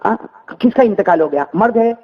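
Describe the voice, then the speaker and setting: Male preacher, high voice, call-and-response sermon, lo-fi sound. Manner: animated call-and-response with the congregation. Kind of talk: sermon storytelling.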